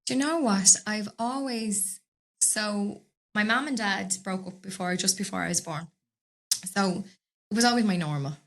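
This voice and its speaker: A woman's voice: medium pitch, normal speed, a bit bright. Chatty Dublin woman telling stories. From Dublin, Ireland. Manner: chatty, rambling storyteller, laughs often. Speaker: podcast guest, business owner. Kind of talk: casual interview chat. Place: podcast studio.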